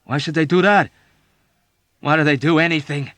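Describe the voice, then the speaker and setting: A young airman shouting in alarm and disbelief, as a male narrator puts him on for an audiobook. His voice rises well above the reader's usual pitch, loud and tense, recorded dry and close. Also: normal speed, dry recording, lightly acted. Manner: shouting with dread.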